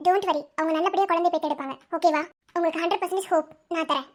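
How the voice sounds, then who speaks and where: A woman voicing a calm woman doctor who reassures worried relatives in a firm, soothing way. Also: very high voice, quick pace. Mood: reassuring. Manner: soothing, firm, mixes English words. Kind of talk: cartoon voice acting.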